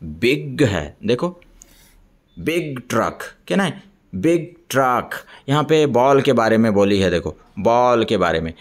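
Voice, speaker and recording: Slow-paced man teaching young children. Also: mid-range voice, big pitch swings. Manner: repeats questions to young children, frequent "okay?" checks. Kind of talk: bilingual classroom lesson.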